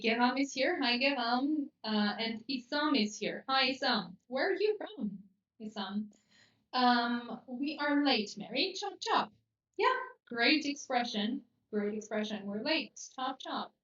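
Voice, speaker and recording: A woman's voice: a little high, fairly bright tone. A woman teaching English on a live stream, patiently explaining expressions and reading out viewers' comments. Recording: roomy, distant and dull-toned mic.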